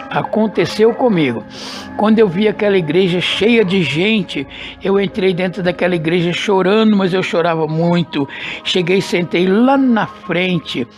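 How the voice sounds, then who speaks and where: A man with a fairly high voice delivers an emotional personal testimony. He speaks slowly and deliberately and repeats key phrases for emphasis. Faint music plays underneath. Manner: slow, deliberate storytelling. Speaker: church member giving a testimony.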